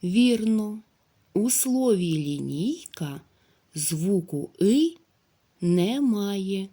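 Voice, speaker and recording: A woman teacher speaks to young children at a very slow, deliberate pace, stretching out each word and sound. Her voice is mellow and warm, with lively rises and falls in pitch. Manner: slow, drawn-out, clearly articulated speech for young children. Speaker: primary school teacher.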